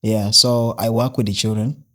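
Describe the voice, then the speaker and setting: A man's voice: fairly low pitch, level tone, moderate pace, pushed and bright. A young man from South Sudan, a podcast guest talking casually with many fillers and restarts. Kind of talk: casual interview.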